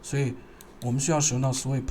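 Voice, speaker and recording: A man narrating a screen-recorded software tutorial, thinking aloud and pausing as he works. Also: medium pitch, flat delivery, a little hiss or hum. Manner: thinking aloud, halting, pausing while working.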